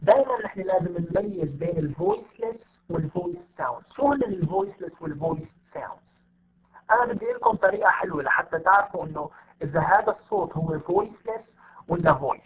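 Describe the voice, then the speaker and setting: A man with a Levantine Arabic accent teaching an English lesson, patiently repeating example words slowly for his students. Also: high voice, expressive. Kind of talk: online lesson. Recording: tinny phone-like audio.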